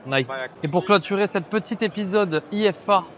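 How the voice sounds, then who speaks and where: A man's voice: high-pitched, normal speed, fairly bright tone, slight background noise. A man with a French accent vlogging from a trade fair, enthusiastic and slangy, talking straight to his viewers. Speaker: vlogger reviewing pool robots. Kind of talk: casual vlog at a trade fair. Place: large indoor trade fair hall.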